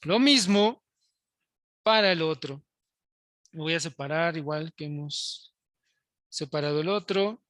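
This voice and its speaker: A male programming teacher walks students through code, pausing often to ask if they follow. His voice is bright and forward, recorded close and dry with no room sound. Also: fairly high pitch, dry recording. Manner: explains step by step, checks in with students often. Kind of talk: live coding lesson to students.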